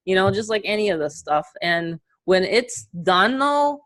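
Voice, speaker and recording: A woman with a New York accent coaching an online webinar in a casual, chatty, encouraging and energetic way. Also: mid-range voice, measured pace. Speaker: online marketing coach and host. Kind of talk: casual webinar training and motivational talk.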